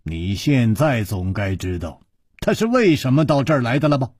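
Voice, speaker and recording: A man doing a calm, gentle wuxia hero. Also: medium pitch, breathy edge, no echo, studio quality. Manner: soft, measured speech.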